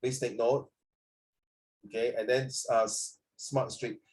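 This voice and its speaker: Speaking slowly and flatly in a mid-range, darkish voice with some breathiness, this man is teaching social studies by video call while recovering from flu. He has a Singaporean English accent, alternates between English and Mandarin, and checks on students by name.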